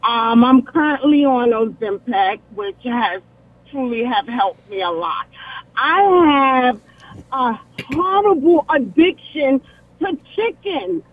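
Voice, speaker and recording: An earnest woman in her sixties with a drawl, heard over a tinny phone line. Her voice sits high and she takes her time with each phrase. She talks openly and confidingly, like a caller sharing a personal struggle. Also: lively intonation, slow pace. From South Carolina, US South. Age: 60s. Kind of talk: call-in radio chat.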